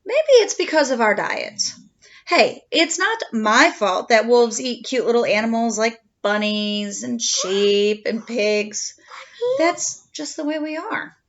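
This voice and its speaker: A dull home recording carries a storybook wolf as a woman reads him aloud. The wolf is folksy and indignant, forever pleading innocence in a very animated, conversational delivery with theatrical emphasis. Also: a little high, slow pace. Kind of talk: read-aloud children's storybook narration in first person.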